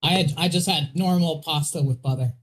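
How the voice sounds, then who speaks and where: A man's voice: a little high, a little fast. A man co-hosting a weather livestream with casual, conversational live commentary and plain explanations.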